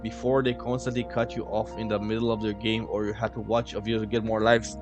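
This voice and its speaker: A man's voice: fairly low pitch, level tone, fast talker, lo-fi sound, music in the background. A man playing a story game, reading its narration and every character's lines aloud in his own voice with offhand asides. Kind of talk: casual let's-play narration, reading dialogue aloud.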